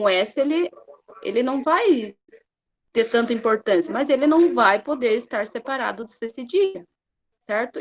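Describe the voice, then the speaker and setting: A woman's voice: fairly high pitch, rough recording. A Brazilian woman teacher giving a recorded lesson, stretching out syllables and checking in with her students as she goes. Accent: Brazilian Portuguese. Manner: slow, drawn-out syllables with frequent "né?" and "tá?" checks.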